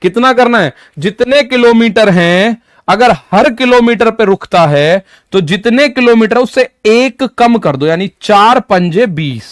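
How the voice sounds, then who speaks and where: A man's voice: high-pitched, animated, unhurried, no room sound, clean studio sound. A male maths teacher giving an exam-prep lesson, explaining step by step, repeating key points and talking directly to his students.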